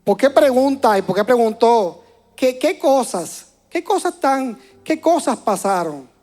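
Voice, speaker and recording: A man preaching a sermon to a church congregation, moving between hushed and loud passages and often repeating words as he searches for them. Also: very high-pitched, expressive, unhurried. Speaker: pastor.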